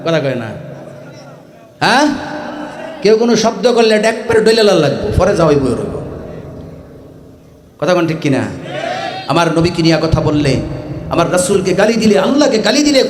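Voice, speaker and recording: A man preaching a fiery, wailing waz sermon, shouting slogans, urging the crowd to answer, and lamenting in a chanting sing-song. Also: fairly high pitch, a little hiss or hum. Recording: echoey loudspeaker sound at an outdoor gathering.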